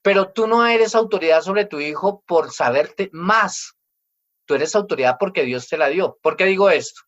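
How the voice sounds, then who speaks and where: A man's voice: high voice, expressive, normal speed, a bit bright, highs cut off. A man in his forties preaching a family sermon as pastor, emphatic, and he acts out children's complaints in quoted voices.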